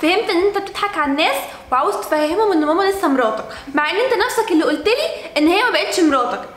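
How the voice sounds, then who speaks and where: A woman's voice: very high voice, expressive, very fast, a bit bright, soft background music. A woman playing a hurt young girl who scolds her lying father, speaking with an Egyptian accent. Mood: reproachful. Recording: roomy room echo.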